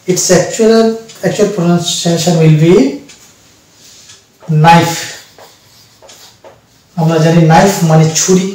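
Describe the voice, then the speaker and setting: A man with a Bengali accent teaching a spoken English lesson, explaining slowly and repeating words for his students. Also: fairly high pitch, darkish tone. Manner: slow, repetitive explaining to students. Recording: very echoey room, distant mic.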